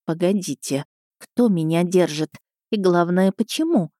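A woman's voice: lowish voice, lively intonation, a little slow, dark tone, no room sound, clean studio sound. A woman voicing an emotional young female magic student who pleads in a tearful, breathless way. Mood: bewildered.

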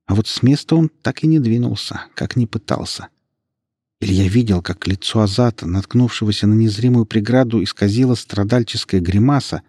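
A man narrating a story in a steady, even reading voice. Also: fairly low pitch, husky, no room sound, clean studio sound. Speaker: audiobook narrator. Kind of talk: scripted narration.

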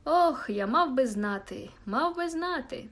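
A woman voicing a bitter, wry older male church musician who speaks slowly in a sardonic, mournful way. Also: a little high, animated.

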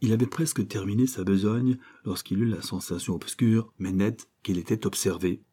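A male narrator reading a crime novel aloud, measured and dramatic. His voice is low, dark and mellow, with a husky grain. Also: fairly even intonation. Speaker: audiobook narrator.

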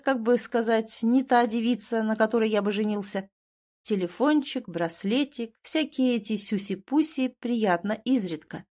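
A woman's voice: mid-range voice, a little mellow. A woman reading a first-person story aloud, in a conversational, slightly sardonic manner. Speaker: audiobook narrator.

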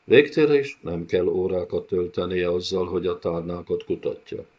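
A man narrating a fantasy audiobook in a measured storytelling manner. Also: deep voice, lively intonation, a little mellow, highs cut off. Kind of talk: scripted narration.

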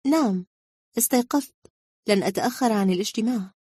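A woman's voice: mid-range voice, fairly quick, dark tone, slightly rough, no echo, studio quality, lightly acted. A woman voicing a restless young man who banters playfully and defensively, reading a storybook role. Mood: reassuring.

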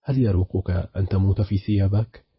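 A man with a very deep, husky voice reading the lines of a cold, sarcastic betrayed husband in a storybook. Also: a little fast, dry recording, muffled recording. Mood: cold mocking. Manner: icy, mocking, calm.

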